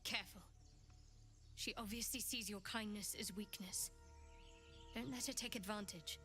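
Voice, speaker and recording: A woman's voice: mid-range voice, normal speed, sharp tone, soft background music, natural voice. An actress playing a distrustful half-elf woman in a fantasy game, with a dry, cutting manner. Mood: wary. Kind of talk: fantasy video game acting.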